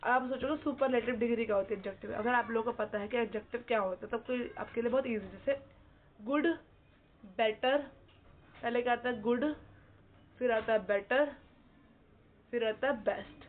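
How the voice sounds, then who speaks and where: A young woman teaching at an easy pace, often repeating words and putting questions to the class. Her voice sits a little high. The sound is thin and tinny like a phone line, with a faint hiss underneath. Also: moderate pace, pauses often. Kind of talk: explaining lesson.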